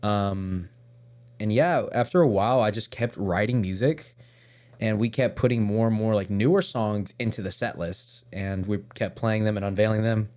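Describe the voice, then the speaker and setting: A man's voice: lowish voice, normal speed, a little mellow. A man, a metal band vocalist, chatting loosely as a guest in a casual interview, often restarting mid-sentence.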